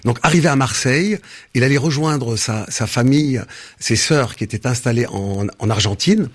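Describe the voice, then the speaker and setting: Husky-voiced older man from Senegal. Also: medium pitch. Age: 60s. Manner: measured, many hesitations and restarts. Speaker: interview guest, business founder. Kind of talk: interview answers.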